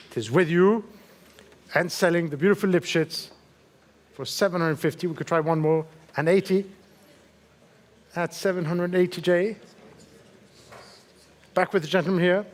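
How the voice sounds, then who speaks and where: A male fine art auctioneer with a high-pitched voice calls a live sale. He repeats the figures in short phrases and courteously nudges bidders with brief questions. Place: auction saleroom in London.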